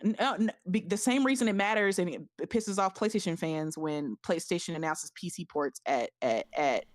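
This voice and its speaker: Low-pitched woman, exasperated podcast rant. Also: normal speed, no echo, studio quality. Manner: animated exasperated ranting, with repeated phrases and stammers. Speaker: podcast host. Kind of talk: casual opinionated gaming podcast chat.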